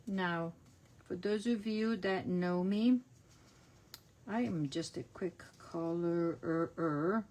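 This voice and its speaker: Speaking slowly in a lowish, somewhat mellow voice, this middle-aged Italian crafting demonstrator talks casually through a stamping and card-making class online. She has an Italian accent, describes each step as she goes, and corrects herself in her chatty way.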